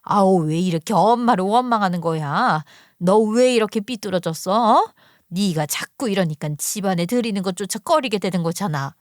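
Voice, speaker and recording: A woman's voice: medium pitch, expressive, normal speed, no room sound, studio quality, close to an everyday voice. A woman voicing a defensive older mother who scolds her daughter with exasperated sighs. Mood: scolding, defensive.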